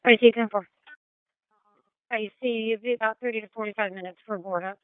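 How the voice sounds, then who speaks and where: A woman working as a fire dispatcher, briskly confirming and repeating back orders over a two-way radio. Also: fairly high pitch, fairly even intonation, clean tone, dry recording. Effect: two-way radio transmission. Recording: tinny narrow-band radio audio.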